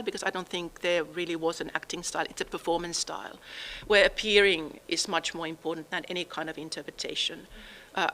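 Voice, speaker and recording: Bright, forceful woman lecturing. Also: on the low side, low-quality recording. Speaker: lecturer presenting own book research. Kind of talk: academic talk, partly improvised.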